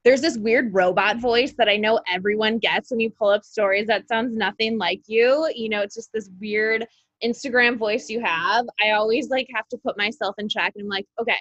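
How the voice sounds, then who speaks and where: A woman's voice: on the high side, normal speed, fairly bright tone, no echo, muffled recording. A woman guest on a podcast in casual chat, upbeat and friendly, giving tips in long run-on sentences. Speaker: podcast guest, social media coach.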